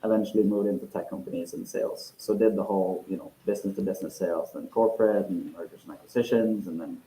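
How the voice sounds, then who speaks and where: Low-pitched and dark, with a little hiss or hum in the audio, the guest, a tech CEO from Norway, talks through a casual interview on an echoey video call. He's thoughtful, often restarting and drawing out his phrases.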